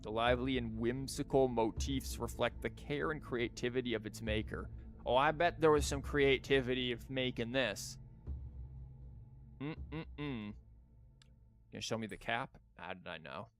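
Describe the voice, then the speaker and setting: This is live commentary on a story game from a young man whose voice is medium in pitch and unhurried. He peppers it with profanity and sarcastic jabs at the characters, and faint game music can be heard behind him.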